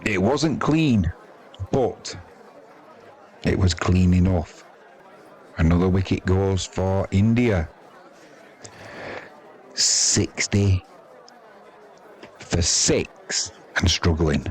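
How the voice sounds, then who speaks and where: An English man commentates live cricket and hosts a stream, chatty and informal with wry, colloquial asides. His low-pitched voice is animated yet very slow, with long pauses, and the crowd of a stadium is audible behind the commentary.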